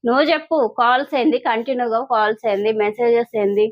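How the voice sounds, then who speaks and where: A woman's voice: a little high, fast talker, no echo, muffled recording, lightly acted. A woman with a Telangana accent playing an angry, suspicious wife in a comedy skit, firing accusing questions. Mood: furious. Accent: Telangana Telugu.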